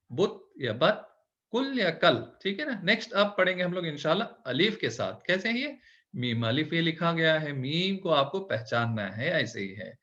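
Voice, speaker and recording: Bright-voiced man teaching Urdu. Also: fairly high pitch. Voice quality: Hindi-English code-switching. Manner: patient, repeats words slowly and checks with "thik hai na". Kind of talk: online language lesson. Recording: dull lo-fi recording.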